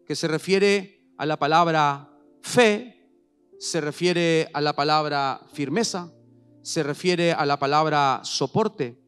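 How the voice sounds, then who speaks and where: A male pastor with a Paraguayan Spanish accent, preaching a sermon that moves from calm teaching to emphatic declarations. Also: fairly high pitch, clean tone.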